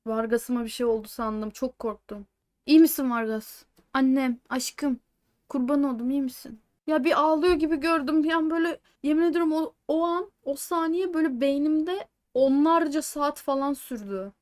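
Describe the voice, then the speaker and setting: An excitable woman streamer reacts live to a game she is watching, trading jokes with her chat. Her voice sits a little on the high side. She slips English words into her chatter. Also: moderate pace. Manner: excitable, swings between joking chatter and anxious outbursts.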